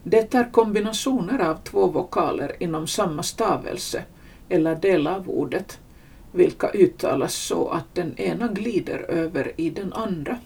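A woman narrates a scripted language lesson in a low, gravelly voice. She reads slowly and carefully, spelling out each letter and word. Her voice is husky and sits a little back from the microphone. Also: a little mellow, recorded from a distance. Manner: slow, clearly spelled-out reading. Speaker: language teacher.

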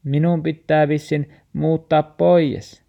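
A man's voice: sits high, very animated, gravelly, dark tone, muffled recording, pitched above the performer's own voice, exaggerated voice. A man reading a storybook, voicing a timid, sad young pet dog in a small worried voice.

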